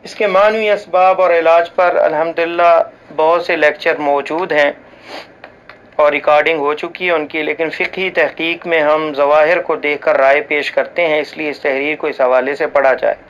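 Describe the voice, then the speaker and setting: A man reading a written religious ruling aloud in a formal, measured way, reciting Arabic scripture and now and then slipping and restarting a word. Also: a little high, steady tone, fairly bright tone, clear, resonant tone, muffled recording. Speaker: voice-over reader for a religious channel.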